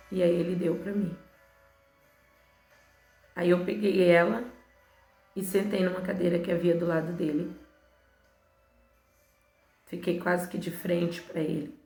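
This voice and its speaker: A woman missionary giving a soft, emotional faith testimony that often drops into hushed, faltering passages. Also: on the low side, vocal fry. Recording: roomy echo with faint background music.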